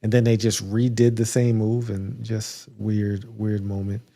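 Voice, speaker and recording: A man with a mellow, warm voice co-hosts a casual podcast and walks through wrestling results in a loose, rambling way. He restarts sentences often and breaks into small laughs, sounding slightly hiccupy. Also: lowish voice, monotone, a little slow. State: has the hiccups. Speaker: podcast co-host. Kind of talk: casual wrestling recap chat.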